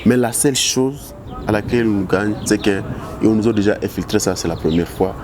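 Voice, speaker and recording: A man's voice: on the low side, moderate pace, background noise. A man with a Congolese French accent, a political analyst answering interview questions with passion and many restarts. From Democratic Republic of the Congo. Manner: impassioned, repetitive restarts.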